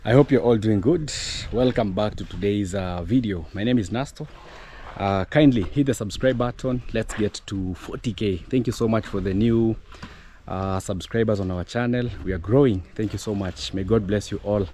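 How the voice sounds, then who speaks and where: Guy vlogging at a building site outside, lowish warm voice, friendly and explaining stuff. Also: normal speed, slight background noise. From East Africa. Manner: friendly, explains step by step to viewers. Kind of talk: casual vlog walkthrough. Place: outdoors at a village building site.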